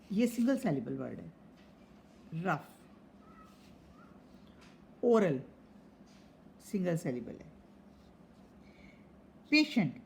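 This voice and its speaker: A woman's voice: medium pitch, gravelly, darkish tone, slight background noise. A woman teaching an English lesson, explaining words and spelling them out letter by letter. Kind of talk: lesson explaining vocabulary and syllables.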